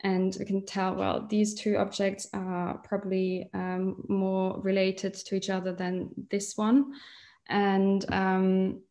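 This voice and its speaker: Woman, young adult, from Switzerland, researcher, online lecture, mid-pitched, shows specimens as she talks. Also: monotone, takes it slowly, a little mellow. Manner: explains while holding up specimens. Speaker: PhD researcher. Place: museum collection room.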